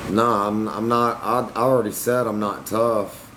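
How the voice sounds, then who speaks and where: Speaking a little slowly in a lowish, steady voice, a young streamer addresses his chat in a blunt, defensive way, his slang carrying a Southern tinge. An air conditioner hums in the noisy room behind him.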